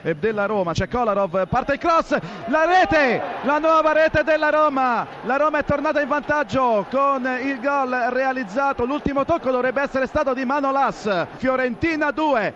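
An Italian man gives live football updates as a radio correspondent, his voice raised extremely high. The sound is dull and band-limited, with clear stadium noise around him. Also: moderate pace, a bit bright. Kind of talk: live match updates and goal commentary. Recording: muffled outdoor stadium feed with noise.

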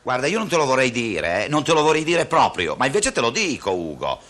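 A man's voice: medium pitch, wildly swooping pitch, brisk, fairly bright tone. A man playing a nagging, moralizing conscience in a radio comedy sketch, coaxing and scolding by turns. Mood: exasperated. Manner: coaxing, scolding, repeats the other man's name. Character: nagging moralizing male conscience, talkative and reproachful. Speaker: comic actor.

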